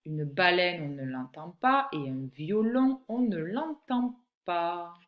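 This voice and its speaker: Slow, clear-spoken woman teacher. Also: lowish voice, lively intonation, highs cut off. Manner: slow, clear word-by-word reading for a child; encouraging, addresses the child directly. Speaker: primary school teacher. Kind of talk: phonics lesson for young children.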